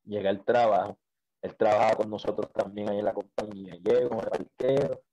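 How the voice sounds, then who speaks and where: A man telling his faith testimony in an interview, acting out the dialogue with pauses and repeated words. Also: on the low side, steady tone, warm tone, muffled recording.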